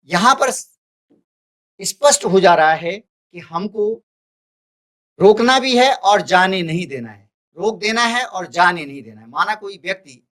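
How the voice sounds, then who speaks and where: Slow, deliberate male Hindi teacher. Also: high voice, fairly bright tone. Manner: deliberate, repeats and restates points. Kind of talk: recorded classroom lesson.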